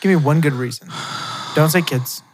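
Chatty higher-voiced man. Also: moderate pace, noisy background. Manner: rambling and joking, with frequent restarts. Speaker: podcast co-host. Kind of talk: casual chat.

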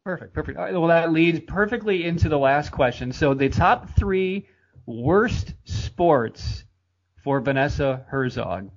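Fast-talking American man hosting a podcast. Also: a little high, lively intonation, lo-fi sound. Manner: friendly, fast-talking, repeats words. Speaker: podcast host. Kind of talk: podcast interview and sign-off.

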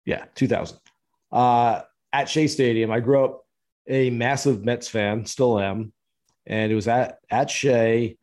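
A man co-hosting a podcast, telling a long story in a relaxed, chatty way with frequent laughter. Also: mid-range voice, unhurried. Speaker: podcast co-host. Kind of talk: casual chat, storytelling.

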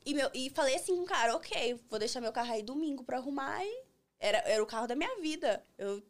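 A young woman with a Brazilian Portuguese accent tells a story in a high, bright-toned voice. She talks fast and with energy, slipping into the voices of the people in her story. The conversation is a relaxed podcast chat. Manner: animated storyteller, acts out other people's lines. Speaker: podcast guest. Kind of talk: casual chat, telling an anecdote.

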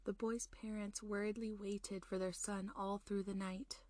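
A woman narrating a scripted spooky folktale as a storyteller, in a folksy, unhurried manner. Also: mid-range voice, little pitch movement, a little mellow, dry recording. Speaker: storyteller, show host.

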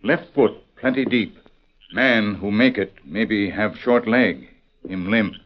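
A man playing a loyal, steady scout in an old radio western, speaking in clipped, simplified broken-English phrases. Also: lowish voice, slow. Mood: earnest, terse. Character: loyal Native scout sidekick, terse and steady. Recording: dull lo-fi old radio recording.

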